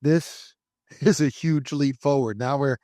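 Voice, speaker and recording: A man's voice: medium pitch, takes it slowly, mellow, no room sound, studio quality. A man in his forties, a podcast co-host, reading a dramatic history script and breaking into loose, laughing asides. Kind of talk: partly scripted history narration mixed with casual chat.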